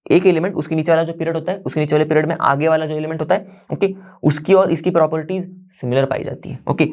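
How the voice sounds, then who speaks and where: A man's voice: a little high, a little mellow. A man teaching a chemistry lesson, standing at a board. He explains step by step, mixes English terms into his Hindi and keeps checking in with the class. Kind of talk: classroom lecture.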